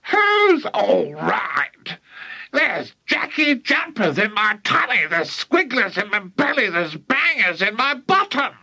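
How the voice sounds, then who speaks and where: A man's voice: high voice, wildly swooping pitch, creaky, bright, forceful tone, breathy edge, pitched above the performer's own voice, heavily acted. A man voicing a cantankerous old grandmother from a children's storybook, screeching and wailing frantically in a strained voice. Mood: outraged screaming. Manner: frantic wailing, drawn-out exclamations. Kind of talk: animated children's storybook character reading.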